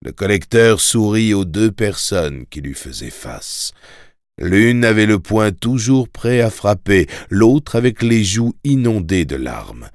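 A man reading an audiobook in measured, expressive storytelling narration. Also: lowish voice, dry recording, studio quality.

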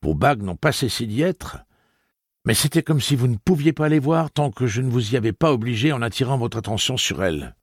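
A man's voice: medium pitch, lively intonation, fairly quick, husky, dry recording, studio quality, pitched above the performer's own voice. A man voicing an earnest young man in an audiobook, who argues his point patiently and insistently. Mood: pressing. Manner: earnest, pressing, argumentative. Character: young man, persistent, reasoning. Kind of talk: audiobook character voice.

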